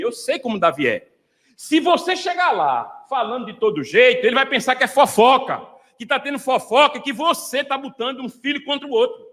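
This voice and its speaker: A pastor preaches with fervor, his high voice rising as he calls out to the congregation. His tone is bright and forceful, and it rings out with the long reverb of a large hall. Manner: fervent preaching, calling out to the congregation. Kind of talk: sermon.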